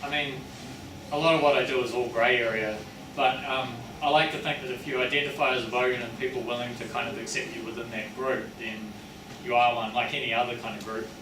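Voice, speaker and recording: A man's voice: mid-range voice, level tone, a little fast. A man with a New Zealand accent who talks like a working-class tradesman, matey and colloquial, rambling and correcting himself as he gives an informal public talk. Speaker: speaker giving a public talk on his research and book. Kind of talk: informal public lecture with audience questions. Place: indoor public venue with audience. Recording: echoey room, distant mic, clearly noisy.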